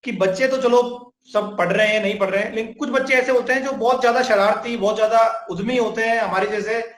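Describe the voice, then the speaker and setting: A man's voice: high-pitched, steady tone, brisk. A man interviewing a guest in a polite, respectful way, often addressing him as sir. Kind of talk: interview conversation. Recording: echoey room.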